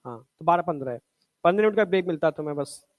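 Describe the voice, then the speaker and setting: A man's voice: fairly high pitch, expressive, racing, phone-quality sound. Male teacher. Coaxing classroom lecture where he quizzes the students. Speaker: biology teacher.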